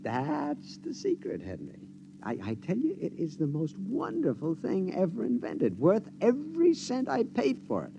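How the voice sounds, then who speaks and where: An actor playing a henpecked husband with a gleeful secret scheme in an old radio drama, excitable, stammering and conspiratorial. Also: male voice, sits high, measured pace, creaky, exaggerated voice. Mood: gleeful, excited. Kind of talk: mid-century radio drama acting. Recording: dull, noisy vintage radio recording.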